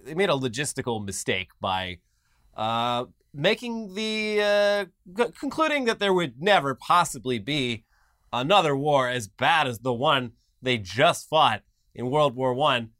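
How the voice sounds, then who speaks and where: A man co-hosting a podcast in casual chat, animated and profane, with sarcastic asides. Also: medium pitch, a little slow, dry recording, clean studio sound. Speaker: podcast co-host.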